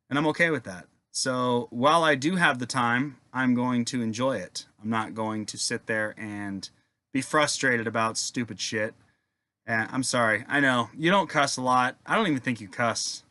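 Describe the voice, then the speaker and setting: Laid-back rambling man, bright dry voice. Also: medium pitch, no room sound. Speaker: wargaming video maker. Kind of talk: casual rambling vlog rant.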